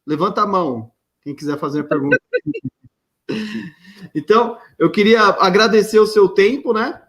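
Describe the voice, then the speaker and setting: A man hosting a casual live-stream interview, talking in a relaxed, friendly way. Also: high voice, moderate pace.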